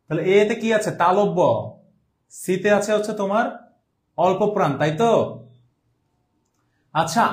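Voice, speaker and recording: A man's voice: high voice, roomy sound. A man teaching a live online class, chatty and teasing, quizzing students by name and asking if they understand. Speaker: online admission-test tutor.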